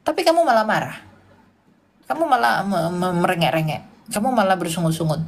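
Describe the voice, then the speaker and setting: A woman's voice: fairly low pitch, lively intonation, fairly quick. A woman preacher teaching casually and emphatically, asking rhetorical questions and sometimes dropping to a whisper. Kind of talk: informal Q&A sermon.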